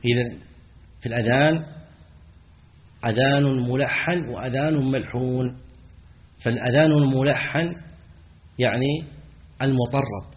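A man teaching as a sheikh in a lecture. He asks his students questions and answers them himself, and he chants the example phrases slowly. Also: mid-range voice, muffled recording. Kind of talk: classroom lecture on errors in the call to prayer.

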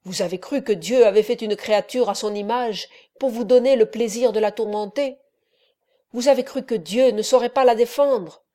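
A man's voice: very high-pitched, moderate pace, warm tone. A woman reading an elderly friar in an audiobook, fervent and preaching. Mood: wrathful. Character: impassioned elderly male friar, pleading then wrathful.

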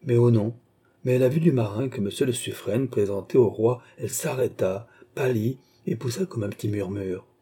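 A man reading a classic French novel aloud as audiobook narrator, in a measured, literary manner. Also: medium pitch, mellow, slightly rough. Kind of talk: scripted narration.

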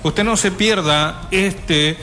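A man's voice: sits high, takes it slowly, pushed and bright. A man co-hosting a radio show, teasing his partner and giving time checks. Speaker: radio co-host. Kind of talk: casual radio chat. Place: radio studio.

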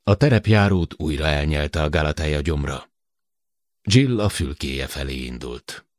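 Deep-voiced man narrating an audiobook. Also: no echo, clean studio sound. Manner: expressive storytelling.

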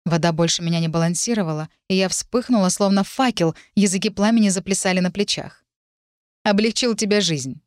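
A woman reading a first-person novel aloud in an expressive, emotional way. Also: lowish voice, quick pace, few pauses, no echo, clean studio sound. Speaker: audiobook reader.

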